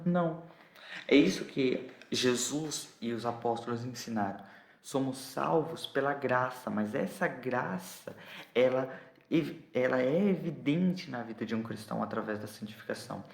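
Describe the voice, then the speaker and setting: A man with a mid-range voice and some vocal fry preaches an expository sermon in a Brazilian Portuguese accent, in a room with noticeable echo. He walks through a scripture passage in an explanatory way, regularly asking listeners "entendeu?" to make sure they follow.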